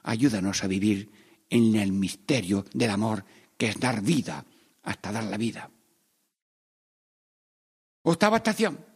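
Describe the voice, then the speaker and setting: A man leading a Stations of the Cross meditation, praying aloud and swinging between hushed pleas and loud, emphatic lines. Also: on the low side, expressive, measured pace, long pauses, breathy edge, big-room sound. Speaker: priest.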